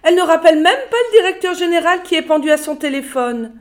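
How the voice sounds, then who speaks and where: A woman voicing a fussy, condescending secretary who gushes over the phone in a high sing-song voice. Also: expressive, quick pace. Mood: gushing.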